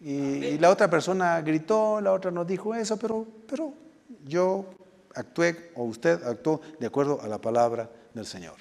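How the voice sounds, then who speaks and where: A pastor preaches a sermon in a church sanctuary, speaking spontaneously, restarting often, and swinging into sudden emphatic bursts of loudness. His voice is on the high side, animated, creaky, and moderately paced, and the hall has a long reverb.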